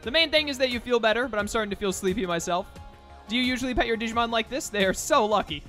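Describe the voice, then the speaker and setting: A loyal lion-man warrior from a video game, read out by a man, talks with formal, gentle concern. The voice is high and bright, with light music behind it. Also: quick pace. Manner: formal, solicitous.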